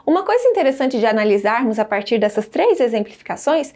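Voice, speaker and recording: Brief: woman teacher, high voice, clear didactic delivery, scripted online lesson. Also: sing-song, fast, darkish tone. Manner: clear, didactic, stresses example sentences.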